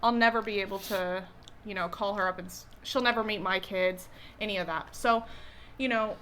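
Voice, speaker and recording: A woman's voice: mid-range voice, normal speed, fairly bright tone, a little hiss or hum. A young woman co-hosting an eating vlog, chatting casually in a rambling, hesitant way full of fillers and restarts. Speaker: co-host. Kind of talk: casual chat while eating.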